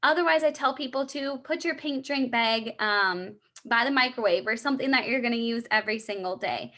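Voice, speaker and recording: In a role-played three-way sales call, a young supplement sales consultant speaks fairly quickly in a high-leaning voice with a bright, forceful tone. She keeps things upbeat and conversational, explaining and offering encouragement.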